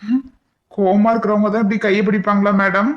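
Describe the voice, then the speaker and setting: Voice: medium pitch, flat delivery, fairly quick, muffled recording, lightly acted. A performer voicing Sanjay, a moody, short-tempered but caring young husband in a cartoon, speaking in a curt, irritable way. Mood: irritated. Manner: curt and irritable, softening to comforting. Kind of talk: cartoon voice acting.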